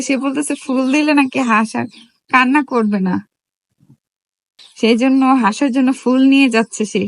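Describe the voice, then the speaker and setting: A woman talks gently to her toddler, coaxing and asking little questions as she films. Her voice sits high, and it sounds close and dry, with no room echo. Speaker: mother filming her toddler. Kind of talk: casual vlog talk to a small child.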